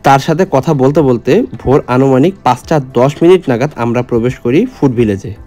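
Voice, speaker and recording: Fast-talking man narrating a bus review. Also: mid-range voice, mellow, faint music behind. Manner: descriptive, reviewing. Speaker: travel vlogger. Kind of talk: scripted voice-over narration.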